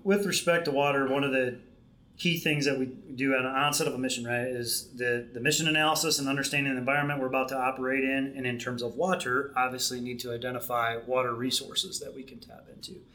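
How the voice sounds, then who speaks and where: A middle-aged man, a military program manager, explaining his work in a podcast interview with measured speech and frequent restarts. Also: medium pitch, fairly even intonation, sharp tone. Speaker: Marine Corps program manager, guest.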